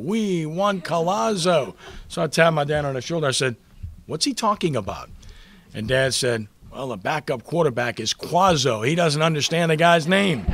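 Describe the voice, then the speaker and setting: A man in his fifties from New Orleans gives a humble acceptance speech at a press conference, full of stories and thanks. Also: mid-range voice. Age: 50s. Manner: humble, storytelling, warm thanks. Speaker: award recipient, sportswriter.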